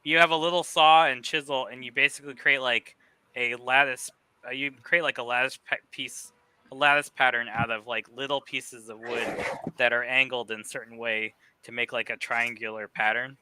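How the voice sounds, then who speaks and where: A man chatting casually about a woodworking craft, halting and full of fillers. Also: mid-range voice, fairly even intonation, pushed and bright, a little hiss or hum. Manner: rambling, halting, many fillers. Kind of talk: casual chat. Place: home workshop.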